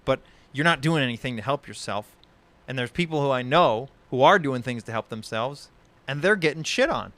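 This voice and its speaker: A man's voice: medium pitch, animated, moderate pace, a bit bright, dry recording. A man who hosts a podcast, talking in a casual discussion stream, heated and exasperated, swearing often and rambling with many restarts. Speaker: podcast host.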